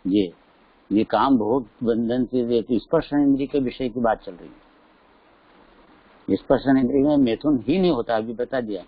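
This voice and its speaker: A man's voice: medium pitch, normal speed, long pauses, slightly rough, dry recording. Man telling a sermon story, lo-fi. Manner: lively storyteller, acts out voices in quotes. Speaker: Jain scripture teacher. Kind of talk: religious discourse with storytelling. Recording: dull lo-fi dry recording.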